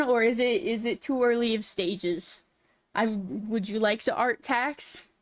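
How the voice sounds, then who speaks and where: Cute high-voiced woman livestreamer. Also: no room sound. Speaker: VTuber livestream host. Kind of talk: casual livestream chat while drawing.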